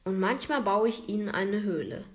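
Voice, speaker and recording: A woman's voice: mid-range voice, normal speed, natural voice. A woman voicing a shy, timid little girl in a children's storybook. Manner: timid and sleepy. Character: small, shy young girl.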